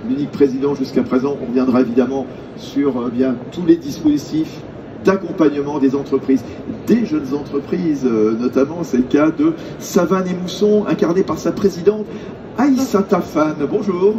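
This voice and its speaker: Enthusiastic male interviewer on a noisy stage. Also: on the high side. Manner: enthusiastic, halting, many fillers. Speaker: event interviewer. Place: business event main stage. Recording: distant mic, noisy event.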